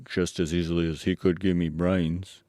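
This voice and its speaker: A man's voice: low-pitched, level tone, moderate pace, dark tone, dry recording, studio quality, close to an everyday voice. A man voicing a simple, matter-of-fact scarecrow in a storybook reading. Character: blunt, simple straw-stuffed male scarecrow.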